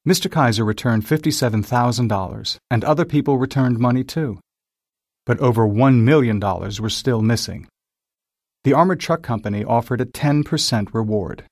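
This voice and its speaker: A man reads a simple story aloud in a plain, evenly paced manner. His voice sits at an ordinary middle pitch, and the studio sound is dry and close. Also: moderate pace, a little mellow, dry recording. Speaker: narrator. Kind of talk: slow, clear scripted reading of an easy-English story.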